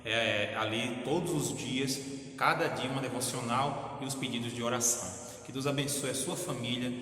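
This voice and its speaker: A pastor, a man, prays fervently, dropping "Senhor" and "ó Pai" between phrases. His voice sits at an ordinary pitch. It rings in a very echoey room with a long reverb tail. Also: steady tone, a little fast, sharp tone. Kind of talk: closing prayer and announcements.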